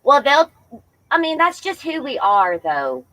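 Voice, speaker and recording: A woman in her forties, a tarot reader hosting a casual livestream, chatting warmly with viewers and calling them y'all. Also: sits high, big pitch swings, measured pace, no room sound, low-quality recording. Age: 40s.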